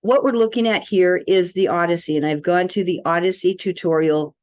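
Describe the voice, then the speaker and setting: A woman presenting a wellness app talks briskly in a fairly low, slightly mellow voice with a steady tone. It's a casual tutorial where she chats informally and rambles somewhat, recorded with dull, lo-fi audio.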